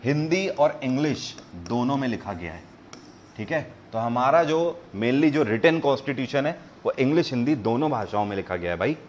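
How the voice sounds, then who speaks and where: A man teaching a live online quiz lesson, his voice sitting at an ordinary middle pitch. He reads each question out slowly, then explains it and urges viewers to answer. A faint hum of background noise runs under his voice. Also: lively intonation, a little mellow, dull audio. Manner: mixes English terms into Hindi explanation.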